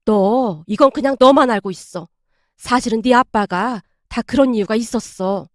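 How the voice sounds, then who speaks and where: A woman voicing a middle-aged mother who confides in a hushed, lower tone. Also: big pitch swings, a little fast, no room sound, studio quality.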